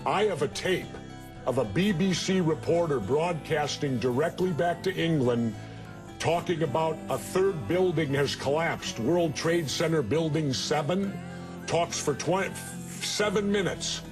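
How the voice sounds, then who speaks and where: Man in a heated TV debate, combative, keeps interrupting, clear music running underneath. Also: on the high side, lively intonation, a little slow. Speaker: former politician debating on TV.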